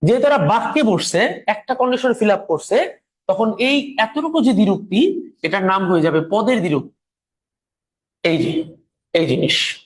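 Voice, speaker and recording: A man teaching a grammar lecture slowly and patiently, repeating his examples while speaking through a sore throat. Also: high-pitched, big pitch swings.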